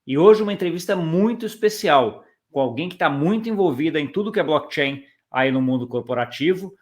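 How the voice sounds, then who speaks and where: A man's voice: on the high side, expressive, a little fast. A man hosting an interview, chatty, with frequent tag questions and restarts. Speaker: interview host.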